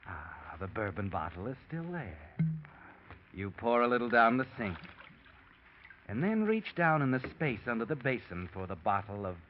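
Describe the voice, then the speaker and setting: A man's voice: fairly low pitch, slight background noise. An actor playing a mysterious male narrator who addresses a murderer in the second person, in a 1940s radio drama. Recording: dull old radio recording. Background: radio drama music.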